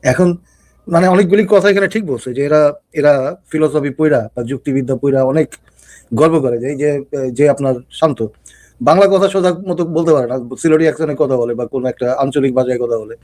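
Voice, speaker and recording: A man's voice: on the high side, a little fast, a little mellow, no room sound. A man joining a live stream as a guest, chatting casually and colloquially with frequent laughter. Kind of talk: casual chat.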